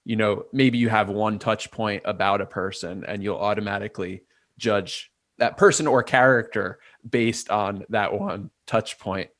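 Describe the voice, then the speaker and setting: An artist and designer from Port Chester, New York, appears as a guest in a casual interview, thinking aloud and turning ideas over from many angles. His fairly low voice is unhurried and a bit bright, with no echo.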